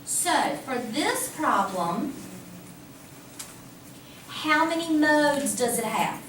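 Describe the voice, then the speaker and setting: A woman math teacher giving a lively classroom lecture, talking casually and asking the class questions. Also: high voice, very slow. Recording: echoey classroom from a distance, faint hum.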